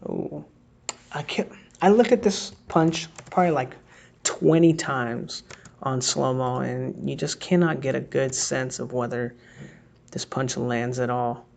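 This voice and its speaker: A man's voice: mid-range voice, a little slow, gravelly, darkish tone. A man giving a casual, think-aloud breakdown of boxing footage, reacting to each replay as he scores the round. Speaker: boxing analyst. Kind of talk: casual fight breakdown commentary.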